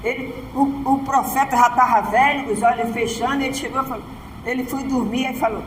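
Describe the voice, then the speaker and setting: A Brazilian woman pastor preaches from the altar in a high, ringing voice. Her words echo through a large church hall with a long tail of reverb. She keeps checking in with her listeners for an "amen" as she speaks. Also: fairly even intonation, brisk, background noise. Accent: Brazilian Portuguese. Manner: preaches emphatically, often asking the congregation "Amém?". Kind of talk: sermon.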